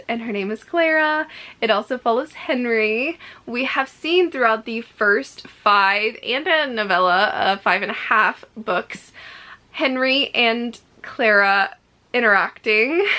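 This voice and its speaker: A woman chatting casually to camera as an upbeat, effusive book vlogger, her voice a little croaky with allergies. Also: a little high, sharp tone. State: slightly croaky, allergy-affected voice. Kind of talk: casual chat to camera about books.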